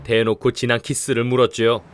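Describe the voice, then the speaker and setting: A man's voice: mid-range voice, monotone, fairly quick, slight background noise. A man reading scripted narration as the narrator of a drama recap. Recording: music behind the narration.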